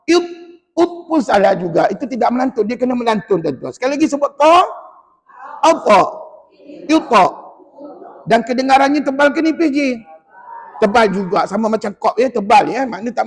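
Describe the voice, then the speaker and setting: High-voiced male teacher in a reverberant mosque. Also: fast talker. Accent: Malaysian Malay. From Malaysia. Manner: coaching, quizzing the class and modelling sounds. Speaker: Quran recitation teacher. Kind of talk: classroom recitation lesson. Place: mosque hall.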